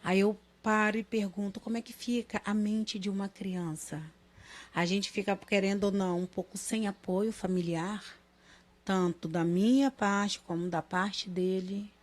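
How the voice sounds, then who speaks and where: Woman in her 30s, mother, interview testimony, halting delivery with repeated words, acts out quoted lines. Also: medium pitch, steady tone.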